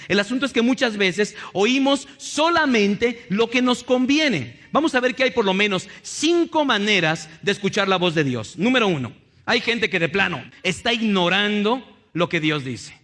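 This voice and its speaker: A man preaching a lively sermon in a church, acting out little scenes and joking with the congregation. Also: high-pitched, moderate pace. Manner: animated, acts out little scenes and jokes with the congregation. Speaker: pastor.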